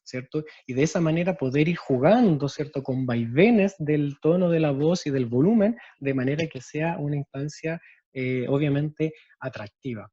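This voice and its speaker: A male special education teacher, Chilean Spanish in accent, explains storytelling in a lecture at a moderate pace, regularly checking in with tag questions. His voice sits on the high side with a dark tone and a breathy edge. The dull audio carries no room sound.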